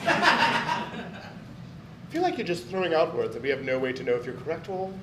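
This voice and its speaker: A man's voice: on the high side, huge pitch swings, moderate pace, heavy background noise. A man co-hosting a live comedy show, asking the guest questions in a mock-earnest way and slipping in dry jabs. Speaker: co-host. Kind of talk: live comedy podcast banter. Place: small live venue on stage. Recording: echoey live room with crowd.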